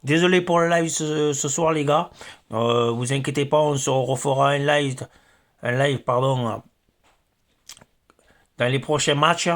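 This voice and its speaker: An angry man rants after a football match on his fan channel. He hesitates a lot, stammers and fills his pauses as he talks. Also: medium pitch, fairly even intonation, a bit bright. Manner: hesitant, many fillers and stammers. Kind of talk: angry post-match rant.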